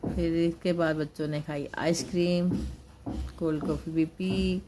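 An older woman's casual vlog captures a family day out at a busy indoor mall, narrated homely into her handheld phone. She's a grandmother with a steady, lowish voice and an unhurried delivery. The background is noisy.

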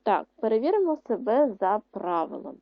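A woman teaches a primary school class, her pitch rising and falling a lot as she spells out words slowly and stresses each syllable clearly. The recording is dry and dull, with a lo-fi sound. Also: sing-song, no room sound. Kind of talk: online lesson explanation.

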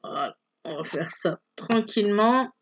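A woman's voice: medium pitch, expressive, unhurried, husky, lo-fi sound. A middle-aged woman hosting a casual craft vlog, talking in a chatty, hesitant way with many fillers and restarts while showing products at home. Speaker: craft vlogger. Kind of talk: casual product show-and-tell. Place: at home, filming her hands.

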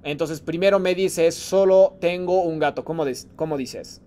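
A man's voice: a little high, normal speed, dark tone, slight background noise. A man teaching a Japanese class in Spanish, patiently calling on students by name and mixing Japanese phrases into his explanations. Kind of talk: online class lesson.

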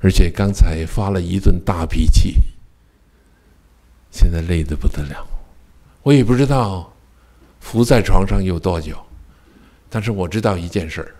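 With a voice that sits low, an older pastor delivers a sermon at a moderate pace, pausing at length as he recounts a personal story. Abrupt shifts from shouting to near-whispering punctuate it, along with rhetorical questions aimed at his congregation.

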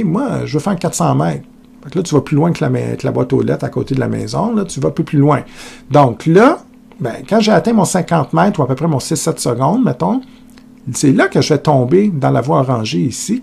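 Gravelly warm Québécois teacher. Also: male voice, fairly high pitch. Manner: conversational explaining, addresses students as "tu", asks questions aloud. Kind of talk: recorded lecture video.

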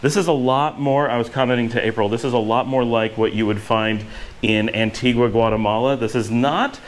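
A man in his forties speaks fairly quickly in a mid-range voice with a steady tone. He's recording a walking house tour vlog on a handheld action camera at arm's length, enthusiastic and rambling with many fillers, as he moves through the indoor and outdoor rooms of a house with a courtyard pool.

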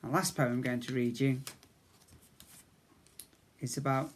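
Speaking at a measured pace with a steady tone and medium pitch, this fifty-something British schoolteacher of infants reads comic verse expressively to little ones and adds chatty remarks. There's slight background noise. The clip comes from a small school office, captured by a device camera at arm's length.

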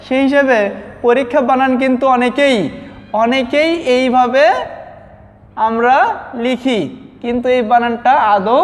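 Male teacher, high voice, steps through slides, repeats words slowly, long reverb on the track. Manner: asks questions and answers them himself, repeats words slowly. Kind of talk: classroom lesson over slides. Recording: dull reverberant recording.

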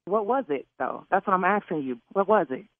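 A woman's voice: mid-range voice, expressive, fairly quick, no echo. A woman on a phone call, outraged and cursing. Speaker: prank call target. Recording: tinny phone line.

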